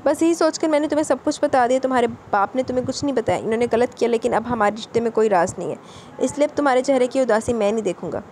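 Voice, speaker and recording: A woman's voice: on the high side, racing, a little mellow, a little hiss or hum, natural voice. A woman reading a doting, possessive husband. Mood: soothing. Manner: pleading, coaxing then scolding. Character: young married man, loving, possessive husband.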